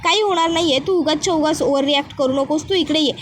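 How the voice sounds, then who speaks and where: A woman's voice: sits high, fast, slight background noise, lightly acted. A woman doing a coaxing, playful young husband. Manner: coaxing, scolding lightly.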